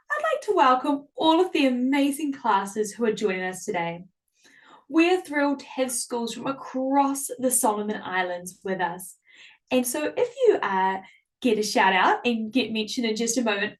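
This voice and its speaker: A woman hosting a live online classroom in an enthusiastic, welcoming, upbeat presenting style. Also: high voice. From Samoa or New Zealand. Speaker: host.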